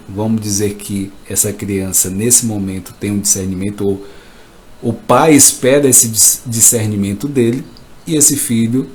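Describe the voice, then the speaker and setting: A man giving a live motivational talk as a coach, emphatic and repetitive, sometimes acting out shouts. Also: on the low side, a little hiss or hum. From Brazil.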